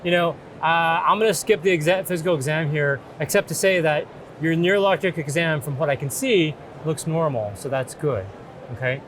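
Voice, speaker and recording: Faint music and the din of a busy trade show hall sit behind this middle-aged man's fairly high, slightly fast voice. Playing a doctor at an open exhibition booth, he walks a mock patient through a reassuring, explanatory consultation in a conversational way.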